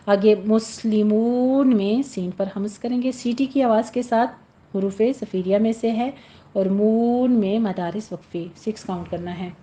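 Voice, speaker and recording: A woman teaching a tajweed lesson, slowly reciting verses and then explaining the pronunciation rules in a plain instructive voice. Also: mid-range voice, mellow. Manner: slow, deliberate, drawn-out recitation between plain instructions.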